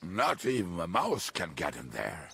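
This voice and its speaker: Casting: blackout-drunk medieval henchman in a game, gravelly and bitter, with big swings in pitch. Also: huge pitch swings, unhurried, a bit bright, slight background noise, heavily acted. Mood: resigned. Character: drunken, gruff, bitter male robber and henchman. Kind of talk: video game dialogue acting.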